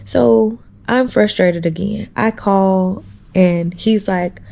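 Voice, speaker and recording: A woman's voice: mid-range voice, slow pace, vocal fry, warm tone. A woman vlogger telling a story casually and with animation, exasperated and slangy, talking straight to her viewers.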